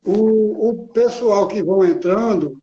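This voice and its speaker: A man's voice: high-pitched, takes it slowly, mellow. Man on a choppy, glitchy call line. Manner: friendly, says brother to the guest. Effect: choppy, glitchy audio that cuts in and out. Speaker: host of a live online session. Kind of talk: casual chat over a call. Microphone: remote call connection. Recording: dull, lo-fi call audio with faint noise.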